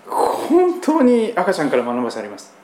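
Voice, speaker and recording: A man from Japan, a pastor preaching a sermon in a conversational style with strong emphasis. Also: moderate pace. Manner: conversational preaching with lively, pitch-swinging emphasis. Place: church sanctuary. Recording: roomy church hall echo, faint background hum.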